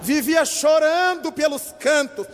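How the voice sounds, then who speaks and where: An older man from Brazil, telling an animated story at a lecture and acting out the dialogue in shifting voices. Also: very high voice, measured pace, slight background noise. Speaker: spiritist lecturer. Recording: long hall reverb.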